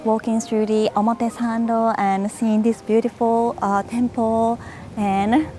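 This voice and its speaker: A woman's voice: fairly high pitch, little pitch movement, a little slow, mellow, slight background noise. A woman making a casual walking vlog outdoors at a temple, out of breath from climbing steps, exclaiming often and laughing as she searches for words. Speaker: travel vlogger.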